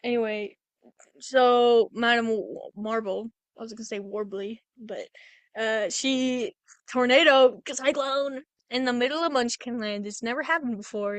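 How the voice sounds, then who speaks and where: Casual podcast co-host, young woman, slightly high voice, rambling recap delivery, dry close mic. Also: no echo. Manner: rambling, acts out characters in quick quotes. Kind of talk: casual movie review chat.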